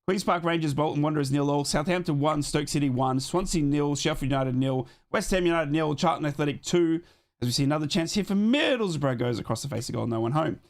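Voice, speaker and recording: With a fairly high, fast voice, a man hosts a casual live football watchalong, reading live scores and thanking viewers for their donations, though he's a little sick and his voice is going.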